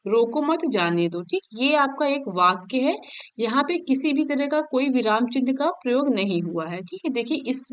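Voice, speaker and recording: Brief: female tutor, somewhat high pitch, slow-read definitions then casual re-explanations, frequent check-ins. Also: animated, no room sound. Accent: Hindi. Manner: explains each point twice, keeps asking "ठीक है?"; reads definitions slowly, then restates them casually. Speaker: teacher. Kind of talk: exam-prep lesson.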